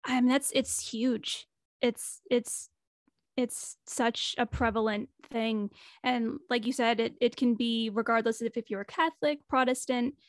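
A woman with a slightly high voice and fairly even intonation speaks a little slowly as a guest on a casual podcast interview, recorded cleanly in a studio with no echo. Reflective and earnest, she thinks aloud, her voice a bit worn because she's losing it.

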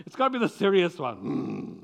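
A man's voice: fairly high pitch, wildly swooping pitch, fairly quick, vocal fry. A man giving a playful children's sermon as pastor, coaxing the kids and the congregation with questions.

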